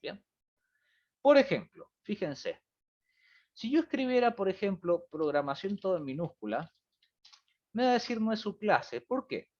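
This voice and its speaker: Male programming teacher, animated delivery, muffled stream audio. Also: sits high, unhurried, long pauses. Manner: explanatory, repeats "fíjense" and "¿bien?". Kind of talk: online review class.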